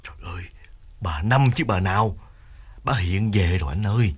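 A man's voice: on the low side, fairly quick, breathy edge. Brief: panicky, pleading young thief, begging nonstop, voiced by the male narrator. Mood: scared, pleading. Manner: pleading, repeats "anh hai" over and over. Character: frightened young petty thief, whimpering.

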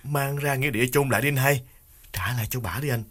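A man's voice: fairly low pitch, fairly quick, breathy edge. Man doing a terrified whimpering young thief. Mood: scared, pleading. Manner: pleading, repeats "anh hai" over and over.

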